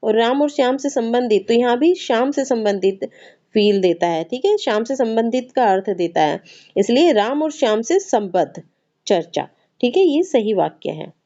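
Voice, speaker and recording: A woman with a Hindi accent from north India gives an exam-prep grammar lesson, her voice pitched a bit high yet mellow and dark in tone. She explains patiently, going over each word again and again. The recording sounds a little dull and muffled. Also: expressive, moderate pace. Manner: explains patiently, repeats words, often asks ठीक है. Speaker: teacher.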